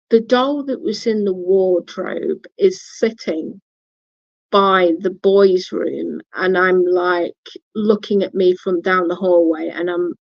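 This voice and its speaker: A woman's voice: mid-range voice, no room sound. A woman casually telling a personal story in a blunt way and swearing freely. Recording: dull lo-fi recording.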